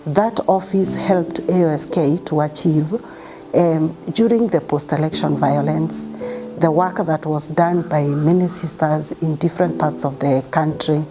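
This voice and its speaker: A woman's voice: low-pitched, a little slow, over music. A woman representing the association, speaking emphatically in a documentary interview.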